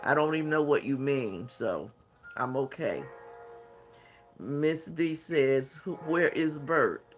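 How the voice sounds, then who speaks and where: A man's voice: mid-range voice, animated, takes it slowly, faint music behind. A man hosting a craft livestream, reading viewer comments aloud and answering them in a hesitant, thinking-aloud way.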